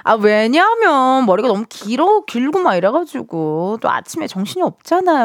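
A woman radio DJ chatting casually and playfully in a studio, expressive and self-teasing as she hosts. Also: fairly high pitch, no echo. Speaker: radio DJ, show host. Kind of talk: casual chatty radio hosting, reading listener messages.

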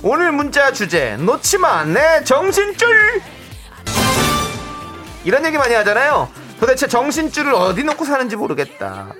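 A man hosts a radio show in a high, very animated voice. He reads listener messages with lively swings of pitch over faint music. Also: a little fast, hardly any pauses. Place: radio studio.

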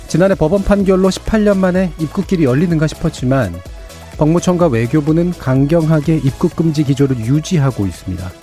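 Mellow, formal male public radio host. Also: on the high side. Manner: formal, measured presenting. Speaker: radio debate show host. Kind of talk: public radio host, scripted introductions and moderation. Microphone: studio broadcast microphone.

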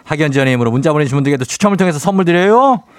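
A man's voice: a little high, expressive, racing, no room sound, studio quality. A man hosting a radio call-in quiz segment, bantering playfully with a caller and reading out questions.

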